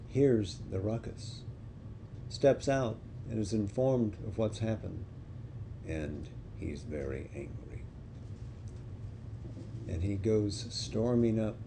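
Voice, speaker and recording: A man telling a devotional story in a slow, deliberate, reflective way. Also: fairly low pitch, dark tone, slight background noise.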